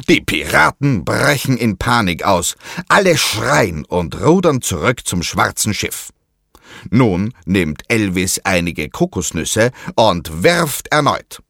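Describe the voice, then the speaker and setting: A man narrating a children's audio story in an expressive storytelling manner. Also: lowish voice, gravelly, dry recording, clean studio sound.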